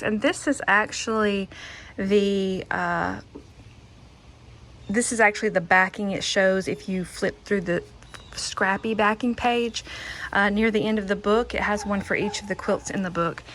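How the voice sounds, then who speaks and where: A woman's voice: medium pitch, normal speed, fairly bright tone, a little hiss or hum. A woman giving a casual, informal show-and-tell as a crafter, chatty and a little self-deprecating. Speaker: quilter presenting her own finished quilt.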